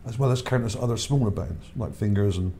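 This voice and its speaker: Reading his article as casual narration over images, this male channel host has a low, mellow voice that's going hoarse and starting to go. His delivery is brisk and rambling, full of repeated words and "okay?" check-ins, with a faint hiss behind him.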